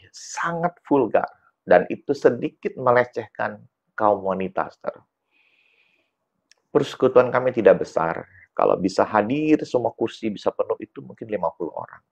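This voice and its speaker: A man's voice: fairly low pitch, vocal fry, highs cut off. A man preaching a sermon at a church service, telling a personal story and often calling out to the congregation. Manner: tells a story, often calls the congregation "saudara". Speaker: pastor.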